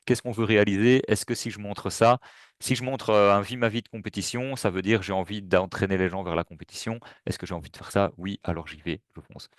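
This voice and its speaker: Low-voiced man giving a webinar. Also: fairly even intonation, brisk, no room sound, clean studio sound. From Belgium. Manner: hesitant, many fillers and restarts. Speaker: webinar presenter. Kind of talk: casual webinar presentation.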